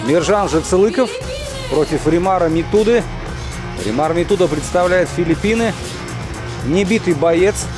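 Higher-pitched male boxing commentator over music. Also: moderate pace, pauses often. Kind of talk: live sports commentary.

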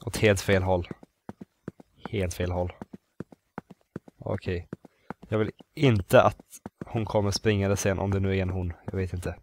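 A man's voice: deep voice, steady tone, long pauses, background noise. A man from Sweden commentating a horror game, nervous and jumpy, muttering to himself, repeating phrases and swearing when startled. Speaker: gamer playing a horror game. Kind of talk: let's play commentary.

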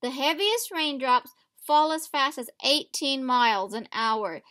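This is a read-aloud storybook lesson in which a woman teacher, at an indoor table, reads a picture book to young children. She speaks in a high, pushed, bright voice at a measured pace, instructing the kids and putting questions to them.

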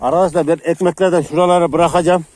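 A man's voice: fairly high pitch, rapid-fire. A man in a casual vlog, feeding stray dogs outdoors in snowy countryside and talking to viewers and to the dogs. His hands are freezing in the cold, and he coaxes the dogs in a soothing voice. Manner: talks to dogs in a soothing coaxing voice; shouts excitedly while running.

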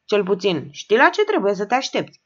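A woman voicing a loud, pushy, excitable man who bursts out in an audiobook reading, on a dull lo-fi recording. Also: mid-range voice, voice pushed up. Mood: blustering. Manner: explosive, shouty bursts. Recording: dull lo-fi sound.

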